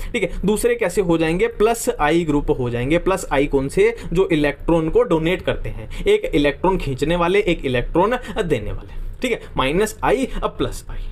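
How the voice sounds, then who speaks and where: A man's voice: fairly high pitch, a little mellow. A man teaching chemistry in an exam-prep lecture, telling a story as a memory trick, asking and answering his own questions and repeating key phrases.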